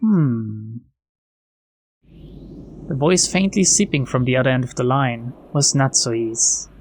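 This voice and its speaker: Over soft game music, a man hosts a game video, reading text aloud at a slow pace and adding wry, casual commentary. His voice is medium-pitched and his manner is informal.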